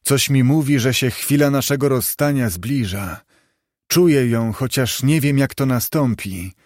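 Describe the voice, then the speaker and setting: A man's voice: mid-range voice, measured pace, darkish tone, no echo, clean studio sound, lightly acted. A man reading as Scrooge, an anxious old miser. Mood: anxious pleading.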